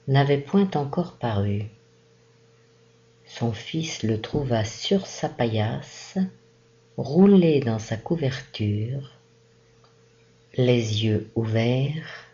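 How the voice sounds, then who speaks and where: Woman reading an old short story, really slow and measured, bit muffled recording. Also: a bass voice, darkish tone. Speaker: reader. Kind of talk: literary audiobook narration.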